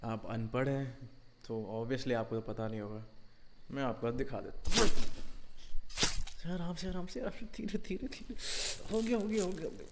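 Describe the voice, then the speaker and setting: A man voicing a loyal, ruthless bodyguard in an audio role-play drama, cold and taunting toward a captive and soft and reassuring with the woman he protects. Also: medium pitch, unhurried, heavy background noise, lightly acted. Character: loyal, ruthless male bodyguard, tender with his client.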